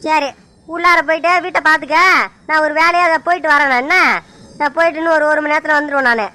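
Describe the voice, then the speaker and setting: A woman doing a brisk village father. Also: high voice, steady tone, pushed and bright. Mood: stern. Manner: brisk, giving orders. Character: stern middle-aged village father. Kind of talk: animated cartoon voice acting.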